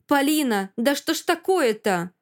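A woman's voice: high voice, lively intonation, a little slow, voice pushed up. A woman reading an audiobook voices a stern middle-aged father scolding his daughter.

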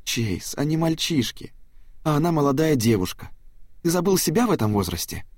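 A man playing a gentle, worried grandmother. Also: on the high side, big pitch swings, brisk, no room sound, clean studio sound, voice pushed up. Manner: pleading, soft and worried. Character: kind elderly grandmother, anxious and gentle. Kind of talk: audiobook character voice.

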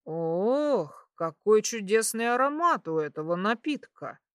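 A woman's voice: medium pitch, unhurried, clear, resonant tone, no echo, clean studio sound. Woman doing a sly, scheming emperor. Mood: pleased. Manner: relaxed, savouring, scheming tone. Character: sly, pleased middle-aged male emperor.

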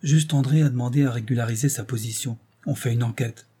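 A worried, secretive husband from a storybook, read by a man in a husky, dark voice. He confides earnestly and frets in low tones. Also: fast talker, natural voice. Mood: confiding. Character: cautious, secretive middle-aged husband, an office clerk. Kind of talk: audiobook character reading.

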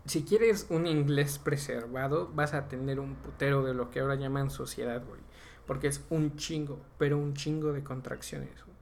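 A young man with a Mexican accent talks through a casual podcast chat, going on at length and ending almost every phrase with the same slang tag. His voice has a gravelly, creaky edge at a middling pitch. A faint hiss of noise sits under the recording. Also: steady tone, normal speed. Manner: explains at length, tags nearly every phrase with slang filler. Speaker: podcast co-host.

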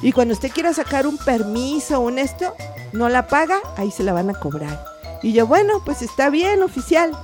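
A woman, her voice sitting a little high, tells an anecdote in a relaxed, chatty way. She slips into the voices of the people she quotes, jumping up and down in pitch to act them out. Faint music plays behind her. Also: moderate pace. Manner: animated, acts out the voices of people in her story. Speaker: interview guest. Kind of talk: casual anecdote telling.

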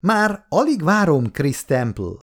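A flirtatious, friendly woman teases her way through an audiobook scene, voiced by a male narrator. The voice is lifted well above a man's usual pitch and carries with a bright, playful lilt. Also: big pitch swings. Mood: teasing. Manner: playful, teasing. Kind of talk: audiobook dialogue.

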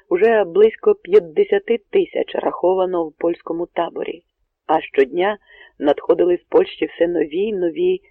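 A man narrating a historical novel in a steady, measured storytelling voice. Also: sits high, creaky, husky, no room sound. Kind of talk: audiobook narration. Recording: narrow phone-like radio sound.

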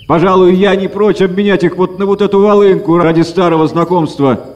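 Shrewd storybook trader, a man putting him on, raised bright tone, echoey room. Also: high-pitched, fairly even intonation, a little fast, voice pushed up, lightly acted. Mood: hearty. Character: cheerful, shrewd man with warm gloves.

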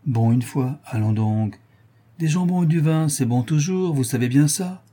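Narrator doing a sardonic young crook: raised pitch, husky edge, sing-song taunting. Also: male voice, expressive, moderate pace, mellow. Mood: wheedling. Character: sardonic young male criminal, mocking and bullying. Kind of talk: audiobook character voice.

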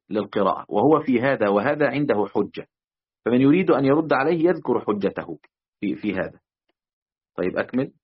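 A husky-voiced man explains a classical text to his students. He talks in a measured way and often pauses on fillers. The recording sounds dull and lo-fi. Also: medium pitch. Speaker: teacher. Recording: dull lo-fi audio.

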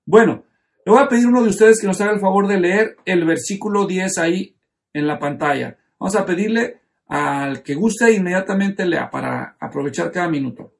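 A man's voice: sits high, normal speed, gravelly. A man teaching a Bible study class, explaining the text step by step and checking in with his students. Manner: explanatory, asks the class questions.

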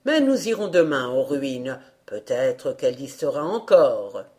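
A woman voicing a grieving father who is a retired sea captain in a fairy tale, speaking with gentle, fond exclamations. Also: very deep voice, big pitch swings, measured pace, voice pushed down, heavily acted.

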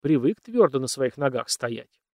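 A man narrating a story in an expressive, folksy storytelling manner. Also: mid-range voice, normal speed, no echo, clean studio sound.

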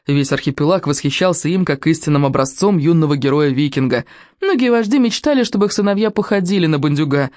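Expressive woman reading a storybook. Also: sits low, fast talker, no room sound, studio quality. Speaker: audiobook narrator. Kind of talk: audiobook narration.

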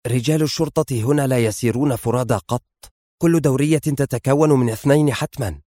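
A man voicing a timid young male agent trainee who speaks in a hesitant, tense hush. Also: medium pitch, brisk, no echo, close to an everyday voice. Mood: nervous.

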